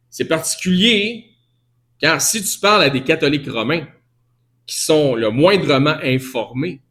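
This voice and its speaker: Québécois male preacher, higher voice, conversational teaching sermon, self-correcting. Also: a bit bright. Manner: conversational, restarts and self-corrects, answers questions from the floor.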